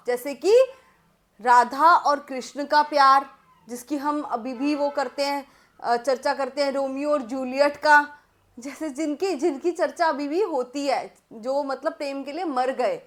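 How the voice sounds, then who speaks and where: A woman teacher with an Indian accent explains English vocabulary terms, switching between Hindi and English. Her voice sits high, and she speaks at an unhurried, dictating pace, repeating phrases while writing them out for students she calls "beta". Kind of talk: classroom vocabulary lesson, Hindi mixed with English.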